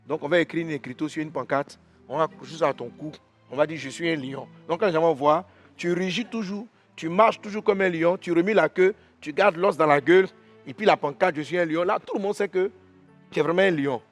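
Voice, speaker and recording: A man preacher telling an animal story in a lively way during a devotional sermon in a church. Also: fairly high pitch, brisk, soft background music.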